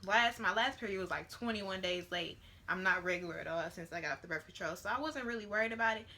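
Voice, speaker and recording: Late-teen woman, bright clear tone, rambling casual chat, many ums, home vlog on a tripod camera. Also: medium pitch, fast talker, a little hiss or hum. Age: late teens. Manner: chatty and rambling, with many fillers. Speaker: vlogger. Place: at home, near her bedroom.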